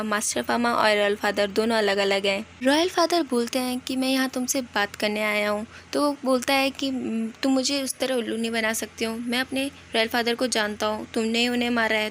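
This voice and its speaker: A woman narrating a casual recap of an animated episode, chatty and mixing in many English words. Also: on the high side, brisk, hardly any pauses, slight background noise. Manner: addresses viewers as guys.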